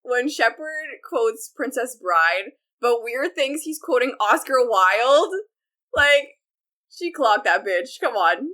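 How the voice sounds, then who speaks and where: A woman's voice: on the high side, lively intonation, slow, pushed and bright. A woman co-hosting a podcast, gushing in casual fan chat with lots of fillers. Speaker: podcast co-host.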